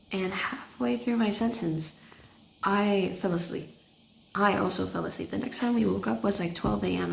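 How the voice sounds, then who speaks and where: A woman's voice: medium pitch, creaky. A young woman from Canada with a groggy early-morning voice, narrating a travel vlog in a rambling, chatty way. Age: young adult. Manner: rambling, filler-heavy chatty explaining. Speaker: vlogger. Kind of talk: casual voice-over narration. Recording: roomy echo, faint noise.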